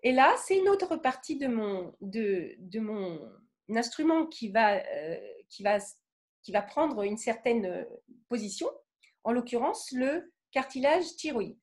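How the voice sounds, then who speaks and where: A French woman leads a voice lesson in a lively lecturing style. Her voice sits high and roams widely up and down as she acts out emotions with sudden bursts. She keeps turning to her listeners to check they follow. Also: slow. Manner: checks in often with "d'accord?". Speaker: voice teacher giving a talk. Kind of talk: lively spoken lecture with demonstrations.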